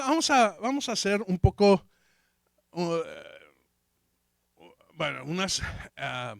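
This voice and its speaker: Brief: high-voiced man preaching, unhurried, keeps checking in with the congregation. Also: no room sound, studio quality. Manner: asks the congregation questions, mixes in English fillers. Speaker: pastor. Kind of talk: sermon.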